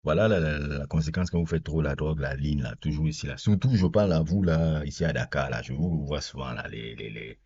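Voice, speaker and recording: A man with an extremely deep, husky voice rambles through his opinions as a reaction video host. He talks straight to his viewers in a loose, casual way, and the recording sounds dull and lo-fi. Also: a little fast, hardly any pauses, darkish tone.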